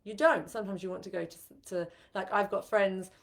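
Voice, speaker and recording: A woman's voice: medium pitch, steady tone, fairly quick. Chatty woman co-hosting a live chat. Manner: chatty, many fillers and restarts. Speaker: co-host, retreat facilitator. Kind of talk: casual live-stream chat.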